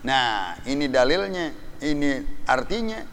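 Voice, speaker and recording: A man's voice: mid-range voice, takes it slowly, big-room sound, slight background noise. A man preaching a sermon, telling stories animatedly and quoting Arabic sayings. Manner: animated, colloquial storytelling with Arabic quotations.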